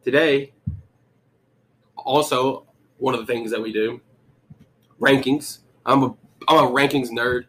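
A man's voice: medium pitch, fairly even intonation, slow, long pauses, pushed and bright. A young man co-hosting a casual movie podcast, joking and rambling with frequent restarts. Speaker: podcast co-host.

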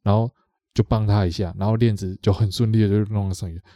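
Talking fast in a lowish, steady, mellow voice, a man with a Taiwanese Mandarin accent co-hosts a podcast and spins a rambling tale. He repeats himself and acts out other people's lines in this casual storytelling chat. There's no echo.

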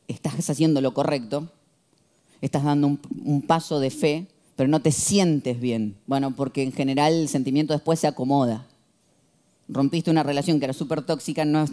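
A man in his thirties with an Argentine accent, preaching a sermon in an animated, humorous way and acting out shouted quotes. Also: fairly high pitch. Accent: Argentine Spanish. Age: 30s.

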